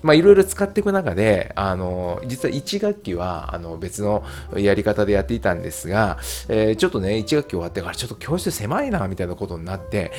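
A man's voice: a little fast, hardly any pauses, soft background music. A man hosting a casual solo podcast, chatting with many fillers and laughs. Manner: chatty, frequent fillers and laughs, lively pitch. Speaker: podcast host and English teacher.

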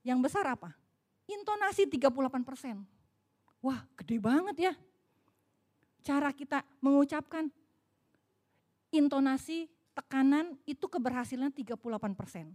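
A woman's voice: high voice, animated, moderate pace, long pauses, darkish tone. A middle-aged woman, preaching in a chatty storytelling way, often asking the audience questions. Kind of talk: sermon with personal stories.

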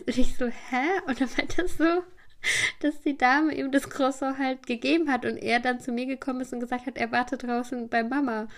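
Woman, podcast host, rambling casual storytelling, fairly high-pitched, lots of fillers. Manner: rambling, chatty, full of fillers.

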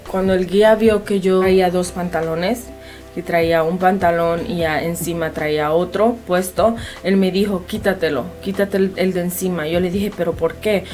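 A woman with a Honduran Spanish accent and a fairly low, slightly mellow voice tells a personal story as an interview guest. The conversation is casual, and she explains things directly to the listener.

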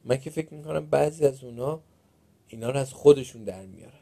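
A man's voice: mid-range voice, creaky, no echo. Man, storybook narrator, Persian accent, playful, dry close sound. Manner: lively first-person storytelling, playful. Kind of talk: storybook reading.

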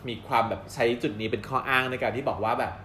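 A man co-hosting a casual chat, recapping episodes in a lively, storytelling way and laughing often. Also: mid-range voice, fast talker, slight background noise. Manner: animated storyteller, acts out quoted dialogue and laughs often. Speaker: co-host reviewing a drama series. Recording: roomy with faint background ambience.

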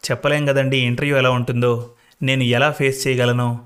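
A man's voice: mid-range voice, level tone, brisk, fairly bright tone, clear, resonant tone, lightly acted. A man voicing an anxious young woman waiting for a job interview, speaking nervously and pleadingly.

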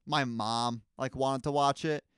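A young man hosting a podcast, rambling through a casual comedic monologue with crude, deadpan asides. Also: mid-range voice, a little slow, clean tone, no echo, clean studio sound. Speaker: podcast host.

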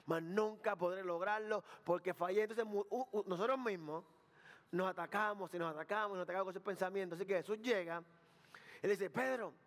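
Male pastor, high voice, preaching with call-and-response questions and acted-out dialogue. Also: brisk. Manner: preaching with repetitions and rhetorical questions to the congregation; acts out dialogue between Jesus and Peter. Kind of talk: sermon.

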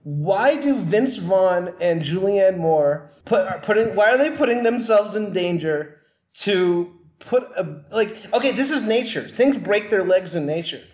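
A man's voice: high voice, expressive, measured pace. A man co-hosting a podcast, chatting casually and wryly about movie plot holes. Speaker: podcast co-host. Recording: roomy echo.

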